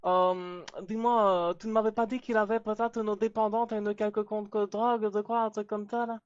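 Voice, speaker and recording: A woman playing a sadistic, taunting female torturer in improvised role-play, halting and foul-mouthed. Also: medium pitch, little pitch movement, muffled recording, close to an everyday voice. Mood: cold, irritated.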